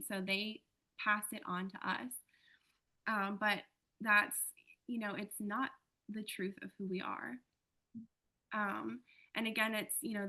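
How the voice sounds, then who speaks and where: A woman speaking as an interview guest, reflective and earnest, pausing often as she thinks aloud. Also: mid-range voice, vocal fry, bright, forceful tone. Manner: earnest, thoughtful, many "um" and "like" pauses.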